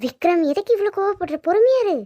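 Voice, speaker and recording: Cartoon: a soft young wife, very high voice, muffled audio. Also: female voice, fast talker, no echo. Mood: pleading. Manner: pleading, calming. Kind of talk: cartoon voice acting.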